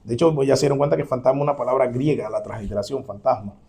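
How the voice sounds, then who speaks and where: A male pastor, preaching an animated sermon and acting out the scenes he describes. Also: medium pitch, racing, creaky. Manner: animated preaching, dramatic re-enactment, chuckles.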